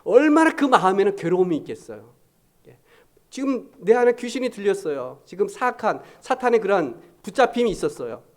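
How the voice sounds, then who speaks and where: A man preaching a Sunday sermon in a conversational way, alternately rising with emphasis and dropping to a soft, low voice. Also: very animated, brisk. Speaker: pastor.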